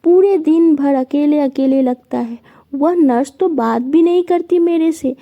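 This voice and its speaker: A woman voicing a lonely older mother, with soft, pleading lines. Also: high voice, a little slow, highs cut off. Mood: weary.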